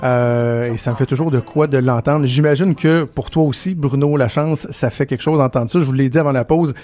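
A man with a Quebec French accent, hosting a radio show and chatting casually with animated storytelling. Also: medium pitch, fairly quick, soft background music. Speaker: radio host. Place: radio studio.

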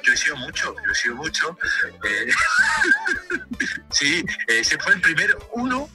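A man chatting as a guest on a comedy talk show, lively and sing-song at times. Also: high voice, faint music behind, poor audio. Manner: lively, sings old theme song slowly. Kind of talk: casual chat.

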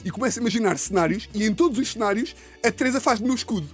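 Fast-talking Portuguese comic storyteller. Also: male voice, faint music behind. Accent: European Portuguese. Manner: animated, laughs often, slips into high-pitched impressions. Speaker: podcast host and comedian. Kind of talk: comedic storytelling.

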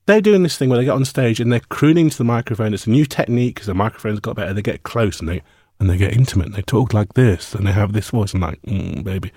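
A fast-talking man with a lowish voice, in his fifties, appears as a musician guest in an interview. He reflects animatedly and at length, rambling with fillers, in a dry, studio-quality recording.

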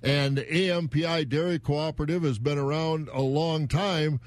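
A man's voice: on the high side, fairly even intonation, normal speed, dry recording. An American man presenting a scripted broadcast report as a farm radio reporter.

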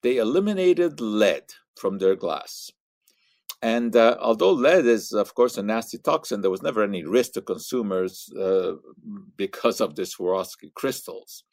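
Older man explaining science, low voice. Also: animated, a little slow, a little mellow, no room sound, studio quality. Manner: explanatory, with frequent "uh" and repeated words. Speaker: science commentator. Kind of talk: educational monologue.

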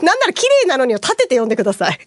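A woman co-host banters on the radio with a high, bouncing voice. She teases and laughs easily. Her voice sounds close and dry. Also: huge pitch swings, dry recording. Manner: teasing, quick to laugh.

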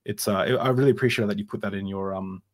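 A man's voice: fairly low pitch, fairly even intonation, quick pace. A young man hosting a casual podcast conversation, chatty and rambling, often repeating words as he thinks. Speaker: podcast host. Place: Australia.

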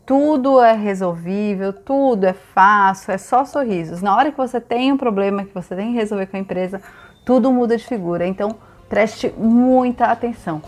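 Brazilian woman giving conversational advice, mid-pitched. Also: moderate pace, a little mellow.

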